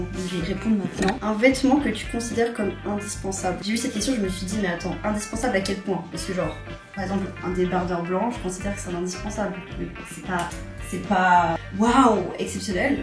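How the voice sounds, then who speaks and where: A woman's voice: medium pitch, fast. Casual young female vlogger, chatty and informal, roomy home sound with light music underneath. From Geneva, Switzerland. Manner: informal, self-mocking, chatty. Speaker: YouTube vlogger. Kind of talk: casual chat to camera, Q&A vlog. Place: indoors at home. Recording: roomy echo, faint music behind.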